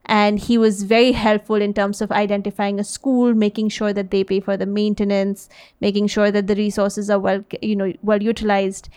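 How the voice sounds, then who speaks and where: A woman's voice: mid-range voice, little pitch movement, normal speed, a little mellow, clean tone. Chatty woman, fillers and restarts. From India and the US. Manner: thoughtful, many fillers and restarts. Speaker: interview guest, social enterprise CEO. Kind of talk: casual interview conversation.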